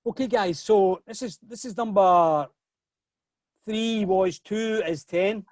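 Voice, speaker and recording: A man's voice: high voice, slow pace, a little mellow, no room sound, clean studio sound. Chatty man hosting a whisky tasting. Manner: chatty, repeats words when starting sentences. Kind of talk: casual online tasting talk.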